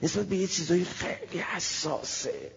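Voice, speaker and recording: A man giving an animated, conversational sermon to a gathering, acting out little scenes as he goes, in an echoey hall on a dull, lo-fi recording. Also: high voice, gravelly. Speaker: preacher. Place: hall with an audience.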